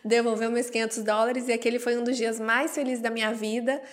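A Brazilian woman tells her own story in a fairly high voice. She jumps up in pitch whenever she quotes someone, and the talk stays lively and personal. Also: a little fast. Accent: Brazilian Portuguese. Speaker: interview guest.

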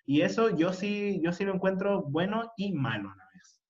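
Young Chilean student, casual chatty storyteller, somewhat high-pitched, dull recording. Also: male voice, sing-song, moderate pace. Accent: Chilean Spanish. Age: young adult. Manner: chatty storytelling, filler-heavy. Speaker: university student. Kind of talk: casual chat. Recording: dull lo-fi sound.

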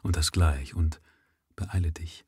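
A man's voice: a bass voice, takes it slowly, mellow, slightly rough, no room sound, clean studio sound, pitched below the performer's own voice, heavily acted. A man reading a story aloud and voicing a cheeky, greedy servant who talks with mock humility. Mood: demanding. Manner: cheeky, coaxing, mock-humble. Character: sly, greedy young male jailer's servant.

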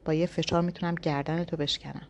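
A woman's voice: sits low, flat delivery, darkish tone. A woman reading the lines of a cold, threatening young man in a storybook. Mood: menacing. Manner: curt and menacing.

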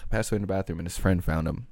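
A man's voice: deep voice, a little mellow, no room sound. A man hosting his own podcast, rambling in loose, slangy casual chat with lots of filler words. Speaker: podcast host.

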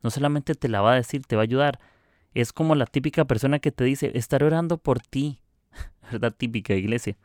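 A man's voice: medium pitch, a little fast, dry recording. Guy doing a laid back devotional talk, joking around, acts out little dialogues, dry close sound. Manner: conversational, acts out dialogue in quotes; playful, jokes about church habits. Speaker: preacher.

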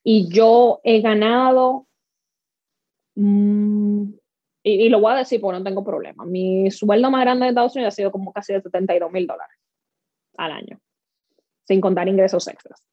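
A woman's voice: mid-range voice, fast talker, no echo, lo-fi sound. A woman from the Dominican Republic, a guest in an interview, speaking candidly and earnestly and mixing in English words. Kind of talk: interview conversation.

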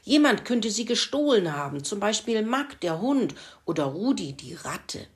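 Gentle woman reading a children's story. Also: medium pitch, very animated, a little slow.

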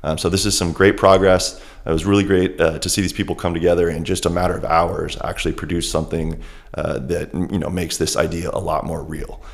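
A male podcast host with a very deep voice talks casually to his listeners. His delivery halts now and then as he repeats words while explaining. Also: little pitch movement, brisk, vocal fry. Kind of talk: casual solo podcast introduction.

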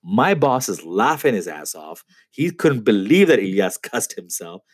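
Man, comic storyteller, profane and slangy, lively swooping pitch, dry close sound. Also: unhurried, husky, dry recording. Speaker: comedian storyteller.

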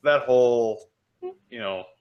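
A man's voice: medium pitch, slow, dull audio. A man co-hosting a podcast, chatting casually and telling stories with laughter and animation. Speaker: podcast co-host. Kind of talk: casual chat.

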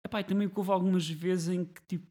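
A man's voice: high-pitched, little pitch movement, fast, dark tone. A man with a European Portuguese accent chatting casually as a co-host, dropping English slang into his speech. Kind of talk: casual chat.

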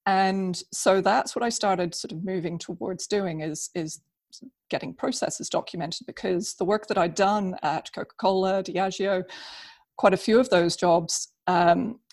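A woman speaking as an interview guest, explaining things conversationally in an agreeable, measured way. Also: medium pitch, darkish tone, no room sound. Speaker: interview guest, business process consultant.

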